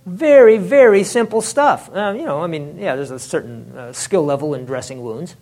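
A man gives a casual lecture on religious history, lively and talkative, laughing often and peppering his speech with "it's like" and "you know." His voice sits a little high and he talks at a normal speed.

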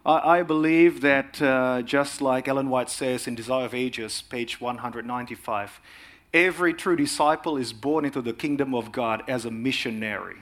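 A man's voice: medium pitch, fairly bright tone. Earnest Indonesian-born man giving a sermon. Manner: earnest, frequent filler pauses. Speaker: guest speaker. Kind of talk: sermon presentation.

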